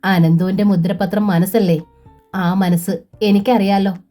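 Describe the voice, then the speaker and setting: A woman voicing a gentle young widow, pleading and emotional, in a storybook reading. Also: medium pitch, fairly even intonation, measured pace, soft background music, close to an everyday voice. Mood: smiling.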